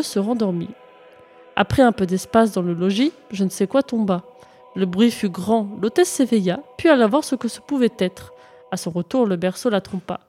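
A woman reading a classic verse tale aloud in a measured recitation. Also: medium pitch, dark tone. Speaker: reader.

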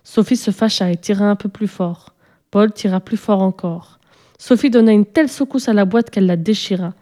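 A woman reading a children's story aloud with steady, even storytelling. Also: medium pitch, moderate pace. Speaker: narrator.

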